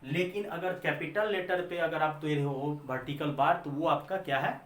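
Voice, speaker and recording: Indian maths teacher guy lecturing, fairly high voice, roomy echo, mic kinda far. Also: steady tone, normal speed, fairly bright tone. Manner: repeats points, asks and answers his own questions; addresses students as children. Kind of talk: classroom lecture. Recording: echoey room, mic far off.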